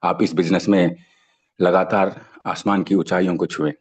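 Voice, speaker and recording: A man's voice: low voice, little pitch movement, moderate pace. A man giving a motivational speech with parables at a network marketing training session, repeating phrases for emphasis over dull, lo-fi online meeting audio.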